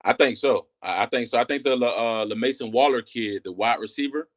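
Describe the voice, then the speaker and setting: A man talking casually about college football recruiting as a guest, loose and full of fillers and restarts. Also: medium pitch. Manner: quick, loose talk with many fillers and restarts. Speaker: guest analyst. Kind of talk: casual sports talk.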